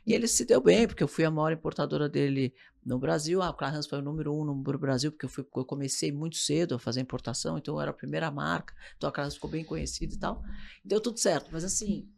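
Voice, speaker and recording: A middle-aged Brazilian woman, a guest entrepreneur, telling animated stories in an interview and acting out what people said. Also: sits low, fast talker, creaky. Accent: Brazilian Portuguese. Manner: animated storyteller, acts out quoted dialogue. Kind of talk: storytelling in an interview.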